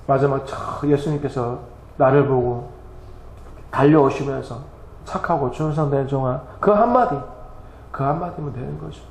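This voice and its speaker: A man giving a missionary report in church, animated, laughing and tearful as he speaks. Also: medium pitch. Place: church sanctuary. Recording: echoey church hall.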